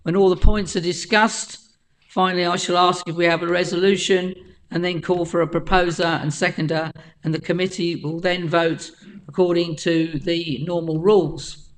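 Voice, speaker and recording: Croaky-voiced woman chairing a meeting. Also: on the low side, flat delivery, moderate pace, rough recording. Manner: polite, procedural, reads out names and rules. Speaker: planning committee chair. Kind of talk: formal meeting procedure. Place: council chamber.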